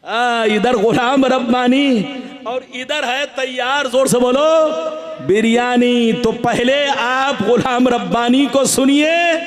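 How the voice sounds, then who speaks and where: Male preacher, very high voice, slow booming sermon delivery, exhorting a live crowd. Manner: exhorting, calling on the crowd to respond loudly. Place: large religious gathering.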